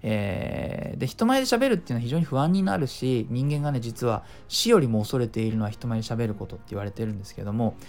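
A man's voice: medium pitch, lively intonation, quick pace, few pauses, a little mellow. A middle-aged man hosting a casual solo talk show, chatty and self-explaining, giving speaking tips and dropping in little sound imitations. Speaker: podcast host.

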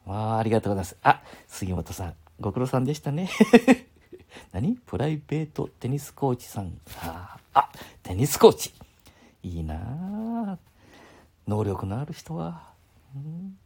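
A man in his seventies with a Mikawa dialect hosts a casual live stream from his home. He rambles, chuckles and talks to himself, his husky voice swinging widely in pitch. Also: big pitch swings, normal speed. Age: 70s.

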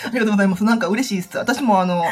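A woman's voice: medium pitch, racing, darkish tone, breathy edge. A woman with a Kansai accent, chatting as a guest and laughing often. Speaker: guest on a livestream. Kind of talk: casual chat.

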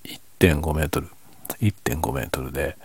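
A man chatting casually and quietly late at night, half whispering as if others in the house are asleep. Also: rumbling low, normal speed, creaky, slightly rough, dry recording. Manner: speaks quietly, half whispering, so as not to wake sleeping family. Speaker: host of a late-night audio chat. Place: at home at night. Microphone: microphone without windscreen, slightly backed away.

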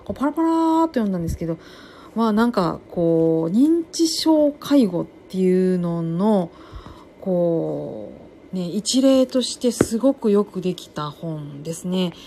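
A middle-aged woman chats on her own about books she has read. She talks loosely, with lots of fillers and sudden swings in loudness. Her voice is mellow and warm, with a faint hiss behind it. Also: lowish voice, unhurried. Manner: chatty, many fillers, lively swings in loudness. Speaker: podcast host reviewing books. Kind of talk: casual solo talk.

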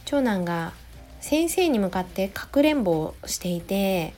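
A woman in her thirties, a mother, talking in a gentle, chatty way in a casual solo audio diary, close to the mic. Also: medium pitch, big pitch swings, unhurried. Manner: gentle, chatty, many soft "ne" tags. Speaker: podcast host, mother of a preschooler. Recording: faint music behind voice.

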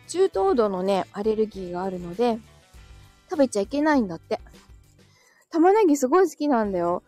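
A woman's voice: on the high side, big pitch swings, brisk, pauses often, warm tone, faint music behind. Chatty woman live-streaming, laughing often. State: dry throat. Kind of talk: casual live chat reading comments.

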